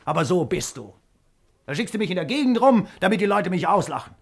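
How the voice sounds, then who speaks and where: A man's voice: high voice, sing-song, a little fast, gravelly, crowd noise, full character voice. An actor playing an aggrieved, accusing man in a classic radio play. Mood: angry. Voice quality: resentful, accusing. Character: angry aggrieved younger man Marco.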